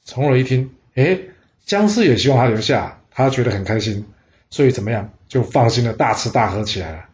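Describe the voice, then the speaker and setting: A male storyteller recounting a historical tale in a lively, chatty manner, breaking in with rhetorical asides. His pitch sits in the middle range. The recording has a slightly dull, lo-fi sound. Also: brisk.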